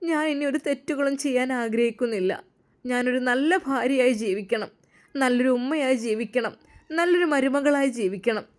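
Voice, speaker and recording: A woman's voice: high-pitched, moderate pace, close to an everyday voice. A woman voicing a young remorseful mother who prays tearfully and pleads for forgiveness. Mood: tearful pleading.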